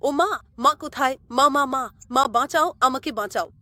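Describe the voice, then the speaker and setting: A woman's voice: high voice, lively intonation, a little fast, pushed and bright. Woman voicing a lost little boy crying. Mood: scared. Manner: crying, calling out.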